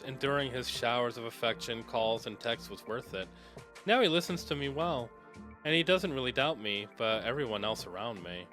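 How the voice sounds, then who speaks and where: A man streaming, reading a visual novel aloud with expressive narration while sniffly with a cold. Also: mid-range voice. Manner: expressive narration, breaks off to joke and apologize. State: sneezing, stuffy nose.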